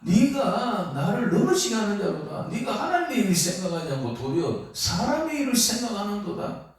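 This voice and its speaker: A man's voice: high-pitched, sing-song, moderate pace, voice pushed up. A man voicing a stern male Jesus who rebukes a disciple with commanding words. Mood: rebuking. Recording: echoey hall, mic far off.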